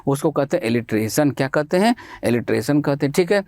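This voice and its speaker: A man's voice: a little high, expressive, a little fast, a little mellow, dry recording, studio quality. A man with an Indian accent teaching an exam-prep English class, asking questions and answering them himself and spelling words out letter by letter. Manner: addresses students as beta and bhai. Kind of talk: Hindi classroom lecture.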